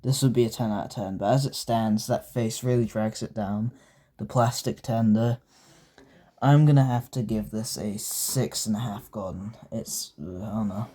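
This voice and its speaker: A man's voice: lowish voice, steady tone, normal speed, dark tone. A young man, casually reviewing toy trains, rambling and gushing with lots of fillers and restarts. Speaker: toy collector reviewing die-cast trains.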